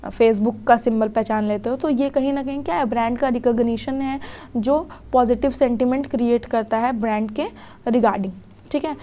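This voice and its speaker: A young woman teaching a recorded exam lecture, explaining in Hindi, reading English definitions slowly and often checking in with "theek hai". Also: on the high side, fairly even intonation, warm tone.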